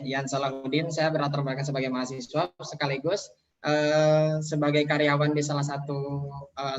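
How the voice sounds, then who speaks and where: Over a video call with the highs cut off, a twenty-something Indonesian man shares at an online business seminar from home. His mid-range, somewhat bright voice is relaxed, peppered with fillers and gentle jokes at his own expense.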